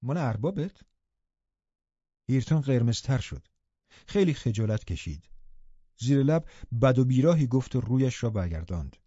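A man narrating a novel as an audiobook with expressive, measured reading. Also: mid-range voice, no room sound, highs cut off. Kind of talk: scripted storybook narration.

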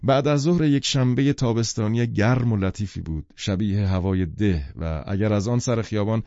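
A man narrating a novel as an audiobook, in a measured, expressive reading. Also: lowish voice, no echo, highs cut off. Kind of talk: scripted literary narration.

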